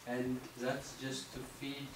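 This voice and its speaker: A man's voice: medium pitch, monotone, takes it slowly. A man from Ethiopia asks a question from the audience, polite and careful, building it step by step. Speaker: audience member asking a question. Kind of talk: question from the floor. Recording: echoey room, distant mic, audible noise.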